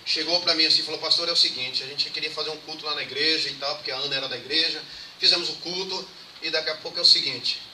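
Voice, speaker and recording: A young man preaching as a pastor, telling stories in a lively way and acting out the dialogue. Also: a little high, quick pace. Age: young adult. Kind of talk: storytelling sermon. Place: church. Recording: echoey church hall, mic far off, background noise.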